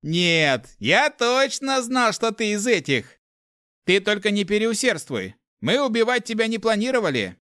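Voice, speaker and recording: A man's voice: high-pitched, sing-song, measured pace, sharp tone, clear, resonant tone, no echo, clean studio sound, pitched above the performer's own voice, exaggerated voice. A man doing a gleeful mocking young thief. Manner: taunting, sing-song. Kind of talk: audiobook character voice.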